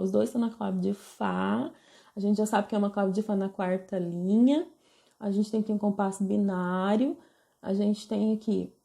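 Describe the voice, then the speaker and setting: Working from a book, a woman with a Brazilian Portuguese accent teaches music theory in a fairly high, mellow voice touched with vocal fry. She explains patiently, points at the page, and checks in with her listeners many times.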